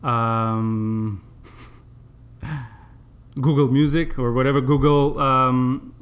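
A man's voice: mid-range voice, fairly even intonation, very slow, smooth. A man hosting a casual sports podcast, chatty and informal, his speech slightly impeded by new braces. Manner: chatty, informal, addresses listeners directly. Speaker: podcast host.

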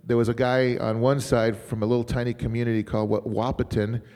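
In a reverberant church hall, a middle-aged male pastor rambles through a chatty, story-filled sermon, laughing frequently. His mid-range voice is level and darkish, and he talks fairly quickly in this informal church setting.

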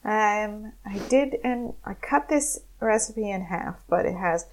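A woman podcast co-host speaks at a slow, unhurried pace. Her talk is casual and conversational, with an everyday middle pitch. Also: lively intonation. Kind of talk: casual chat.

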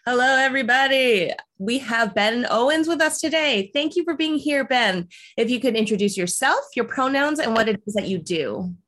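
A woman's voice: fairly high pitch, animated, moderate pace, few pauses, fairly bright tone. Upbeat woman podcast co-host. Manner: upbeat, casual, lots of "like" and "kind of". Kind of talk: casual podcast interview.

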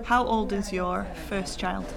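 A woman's voice: mid-range voice, fairly even intonation, a little slow, vocal fry. A woman interviewing casually, encouraging and echoing back what she is told. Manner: encouraging, echoes answers back. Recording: loud crowd chatter around her.

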